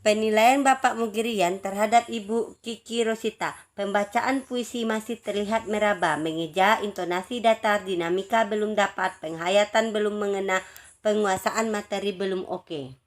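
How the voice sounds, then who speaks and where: A woman announcing a writing contest's results, reading out judges' feedback in measured, list-like phrases with small restarts. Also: medium pitch.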